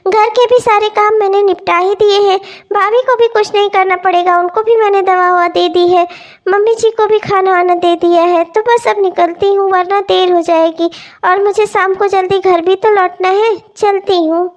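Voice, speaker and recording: A woman's voice: extremely high pitch, steady tone, moderate pace, lo-fi sound. A woman voicing a young, festival-loving newlywed housewife in a cartoon, talking eagerly and then sobbing and pleading. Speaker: cartoon voice actor. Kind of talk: cartoon voice acting.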